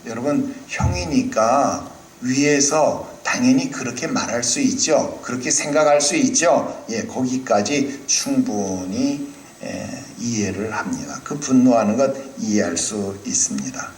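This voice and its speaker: Animated male preacher in an echoey hall. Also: mid-range voice, measured pace, a little hiss or hum. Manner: animated, asks the congregation questions. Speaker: pastor. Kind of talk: sermon. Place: church hall.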